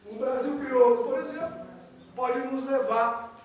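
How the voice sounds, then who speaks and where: This male lecturer from southern Brazil has a high voice and speaks a little slowly but with animation, his pitch and loudness swinging widely and "né" cropping up often. He is addressing an audience in a meeting hall, recorded from a distance, so the sound is echoey with faint background noise.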